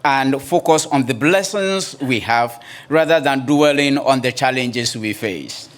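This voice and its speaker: A man preaching a sermon in slow, measured phrases, pausing for his interpreter. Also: medium pitch. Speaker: guest pastor.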